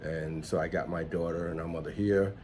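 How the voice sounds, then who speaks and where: Rambling and reflective, this middle-aged American host, entrepreneur and musician from New York City talks in a casual vlog chat. His low, darkish voice keeps a steady tone at a brisk pace, and a little hiss or hum sits underneath.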